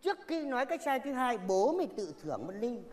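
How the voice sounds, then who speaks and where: A woman's voice: on the high side, very animated, fast, very noisy. A woman acting a bossy, tipsy old patriarch who scolds and lectures his family in a stage comedy sketch. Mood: lecturing.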